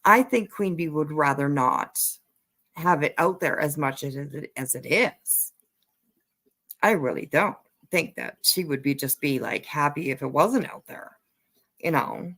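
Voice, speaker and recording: Her voice is low, expressive and unhurried, with a fairly bright tone. She is a livestream host giving casual commentary, blunt and emphatic, leaning on repeated phrases and casual swearing.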